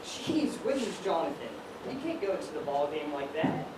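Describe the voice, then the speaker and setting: A student actor in his teens, with a slightly high voice, performs a high school play at normal speed and very animated. His role is an anxious, doubtful young factory worker, and his lines come out exclamatory. The distant mic on the large-room stage captures echo and noise.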